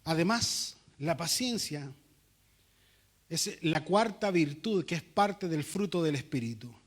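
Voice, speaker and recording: A Chilean pastor delivers a sermon in a notably high voice. He preaches with animation, acting out little quoted exchanges between people. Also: animated, takes it slowly, slightly rough.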